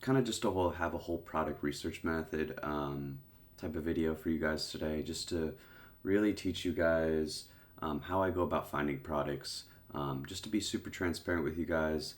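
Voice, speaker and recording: A young man with a bass voice, stuffy and congested from a cold, walks through his product research method in a casual screen-recorded tutorial. He's an online seller speaking at a moderate pace, relaxed and filled with "um"s.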